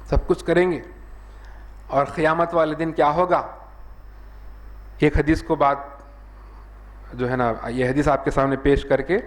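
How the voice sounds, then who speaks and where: A male preacher with a Hyderabadi Urdu accent giving an earnest sermon, often filling pauses with a stock phrase and lifting his voice to act out dialogue. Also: medium pitch. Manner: earnest, repeats "jo hai na" as a filler, raises his voice when acting out dialogue.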